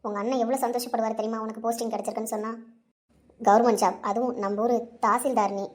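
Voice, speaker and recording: A woman's voice: fairly high pitch, fairly even intonation, fast talker, natural voice. A woman voicing a young female friend who urges and persuades her friend. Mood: urging. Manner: urging, persuasive.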